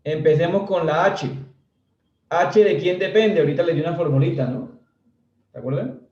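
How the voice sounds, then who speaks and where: A man's voice: a little high, normal speed, far from the mic. A man teaching a civil engineering class in a casual, chatty way, always checking whether his students follow and joking with them. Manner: chatty, constantly checks understanding with "¿sí?", jokes with students. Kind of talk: casual recorded lecture. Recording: dull, roomy audio from off mic.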